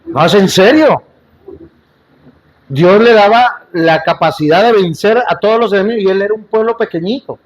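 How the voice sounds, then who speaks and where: A man whose voice sits high preaches to a church congregation at a moderate pace, captured with lo-fi sound. His style is emphatic and repetitive, full of rhetorical questions for the listeners, with light joking asides in between.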